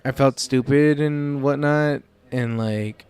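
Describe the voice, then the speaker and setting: A man's voice: mid-range voice, slow pace, darkish tone, clean tone. A man hosting a livestream, giving rambling, exasperated, swear-heavy reactions to another streamer. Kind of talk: casual reaction chat.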